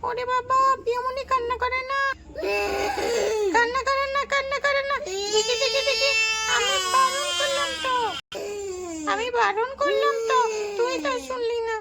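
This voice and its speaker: A woman voicing a lively little girl who fusses over a younger child in doll play. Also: normal speed, long pauses, a little hiss or hum. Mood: fretful. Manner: high chirpy childlike voice, fussing and scolding. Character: lively little girl, eager big sister.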